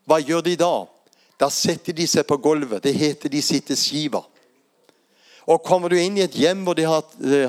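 An older man with a Norwegian accent preaching a sermon, retelling Bible stories and asking rhetorical questions. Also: a little high.

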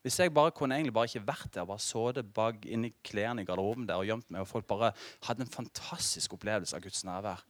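A middle-aged man preaching a sermon as pastor, telling a story with lively asides and laughter to the congregation. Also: fairly low pitch, few pauses, dry recording.

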